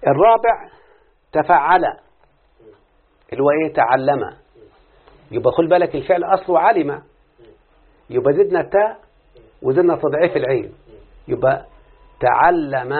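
Husky Egyptian male teacher, tinny recording. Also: a little high, animated. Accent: Egyptian Arabic. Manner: questioning, repeats patterns slowly for students. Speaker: teacher of Arabic morphology. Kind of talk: classroom lesson with student responses.

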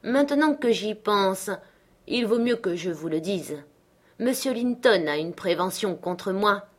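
A woman's voice: medium pitch, expressive, unhurried. A woman reading the part of a bitter, scornful middle-aged man, in a curt, sardonic manner, in an audiobook. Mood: confiding.

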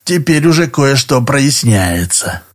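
A man narrates an audiobook, portraying a middle-aged male tenant who starts out falsely polite before growing curt and wary. He speaks slowly at a medium pitch, very animated.

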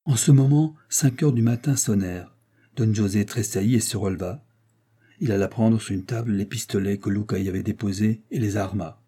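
A man narrating a classic novel in a measured, dramatic storytelling manner. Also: lowish voice, mellow, husky. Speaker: audiobook narrator. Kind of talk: literary audiobook narration.

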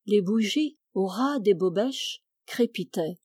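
Une femme lit un roman classique d'une voix posée et mesurée. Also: female voice, mid-range voice, animated, takes it slowly, dark tone, breathy edge, dry recording, clean studio sound. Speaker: audiobook reader. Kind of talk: literary audiobook narration.

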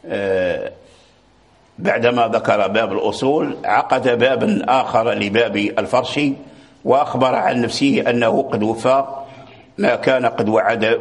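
A man's voice: lowish voice, moderate pace. A man teaching a lesson on Quran recitation, patiently repeating words and phrases as he explains. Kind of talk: religious lecture.

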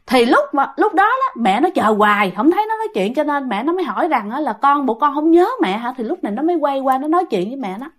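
Southern vietnamese lady telling ghost stories, high voice, chatty. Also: sing-song, fast talker, few pauses, a bit bright. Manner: chatty, keeps addressing listeners. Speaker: ghost story teller. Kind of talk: casual storytelling.

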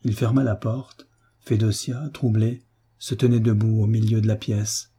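A man reading a novel aloud in steady audiobook narration. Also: on the low side, measured pace, slightly rough.

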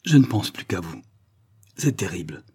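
A man reading aloud voices a blunt, lovesick peasant farmer who rolls his R and blurts his words out in rushes. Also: deep voice, sing-song, mellow, slightly rough, no room sound, full character voice. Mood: pleading.

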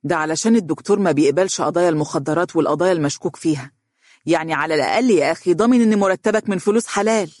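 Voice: medium pitch, steady tone, very fast, darkish tone, breathy edge, no room sound, natural voice. Stern young co-worker, egyptian accent, firm and heated, dry sound, narrator doing him. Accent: Egyptian Arabic.

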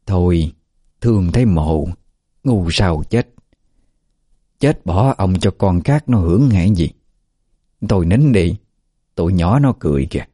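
A man's voice: low-pitched, unhurried, long pauses, mellow, no echo, studio quality. A man putting on a sly old village wife. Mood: teasing bossy.

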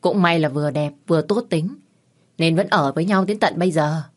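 A woman's voice: low-pitched, brisk, darkish tone. A woman voicing a frank, easygoing middle-aged aunt who teases bluntly in an audio story. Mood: teasing. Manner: blunt and teasing.

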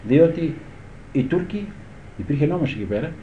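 An older guitar teacher with a voice on the high side reminisces expressively and rambles in a conversational way, often asking if his listeners understand. A bit of hiss or hum sits on the dull old tape, made in a room with echo.

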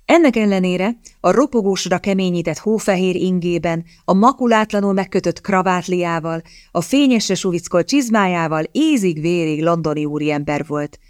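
An audiobook narrator reading a period novel in a steady, measured storytelling manner. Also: mid-range voice, smooth, dry recording, clean studio sound.

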